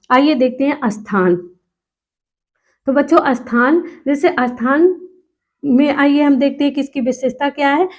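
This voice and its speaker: A woman teacher giving a lecture, asking the class questions and answering them herself, and stretching out key words for emphasis. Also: high-pitched. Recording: muffled lo-fi recording.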